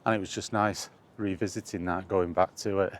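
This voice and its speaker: Here a middle-aged gaming vlogger talks a little fast in a low voice with fairly even intonation. He rambles casually and reflectively about video games, often repeating phrases for emphasis. The recording carries clear background ambient noise.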